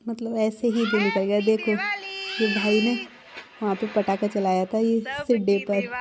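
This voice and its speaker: A woman's voice: a little high, mellow. A young woman narrating her family's festival day in a chatty, affectionate way, laughing now and then. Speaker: vlogger. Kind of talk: casual festival vlog narration.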